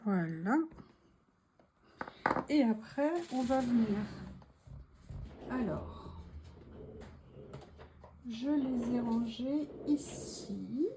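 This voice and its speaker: A woman's voice: on the high side, animated, drawn-out words, pauses often, noisy background. A woman narrating her journal crafting casually, chatty and hesitant as she describes each step. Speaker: journaling vlogger.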